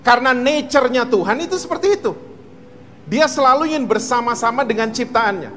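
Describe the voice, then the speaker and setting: High-voiced pastor preaching in a hall. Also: male voice, animated, a little fast, fairly bright tone. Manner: mixes English words, asks the congregation questions. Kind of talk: sermon. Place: church hall.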